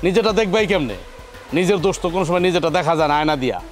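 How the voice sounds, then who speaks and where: Very fast, high-pitched and full of lively intonation, this actor voices a young husband indignantly scolding his sister-in-law. He has a colloquial Bangladeshi Bengali accent, and faint music can be heard behind him.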